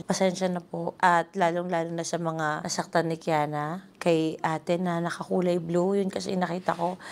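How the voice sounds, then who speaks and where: A woman's voice: on the low side, gravelly. A woman with a Filipino accent giving earnest, frank commentary to camera. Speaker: leader of the vlogging family, commentator. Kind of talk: talk-to-camera commentary and apology.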